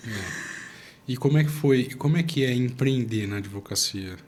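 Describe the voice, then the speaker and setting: A man with a Brazilian São Paulo-area accent, hosting an interview and sharing relaxed anecdotes. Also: medium pitch, moderate pace. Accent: Brazilian Portuguese, São Paulo area. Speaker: podcast host, lawyer. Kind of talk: casual interview chat.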